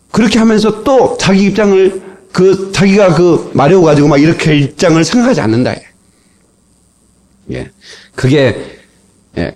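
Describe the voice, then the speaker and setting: A man preaching a sermon as pastor, telling stories with lively asides and sudden shouted exclamations, heard from an old cassette tape. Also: medium pitch. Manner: animated storytelling with shouted exclamations.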